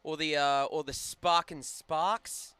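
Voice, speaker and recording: A man calls a live ice hockey game in a chatty, joking manner, trading banter with his partner. His voice is bright and crisp, sitting a little high for a man, and the sound is close and dry with no room around it. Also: fairly even intonation, slow pace, no echo. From Australia. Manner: chatty, banters and laughs often. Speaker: play-by-play commentator.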